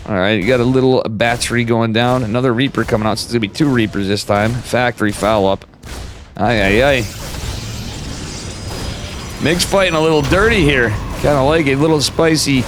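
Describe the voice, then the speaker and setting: A man with a cold and a whistling nose giving casual, slangy live esports commentary. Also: mid-range voice. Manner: informal, slangy, chatty. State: stuffed up with a cold.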